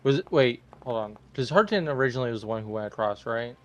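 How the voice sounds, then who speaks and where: A man's voice: mid-range voice, expressive, quick pace. A man playing a tabletop game in casual chat, heard through slightly lo-fi audio.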